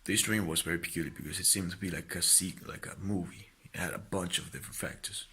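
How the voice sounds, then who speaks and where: Low husky man with an American accent. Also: sharp tone. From Spain. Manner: earnest, halting, swelling to fervent blessings. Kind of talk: personal testimony and exhortation.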